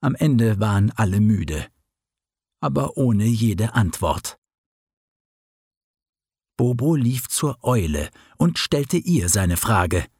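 A man reading a children's story aloud in a slow, expressive storybook narration. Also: lowish voice, slightly rough, no room sound, studio quality.

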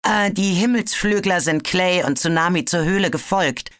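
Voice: mid-range voice, moderate pace, fairly bright tone, no echo, clean studio sound, voice pushed up, close to an everyday voice. A storybook narrator voicing a nervous male dragon who stammers and hesitates. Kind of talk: audiobook character voice.

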